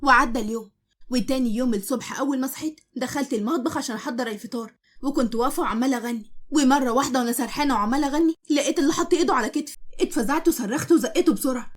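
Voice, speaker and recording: A woman with an Egyptian accent narrates a cartoon story in first person. She keeps it lively and quick, in a voice a touch higher than most. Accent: Egyptian Arabic.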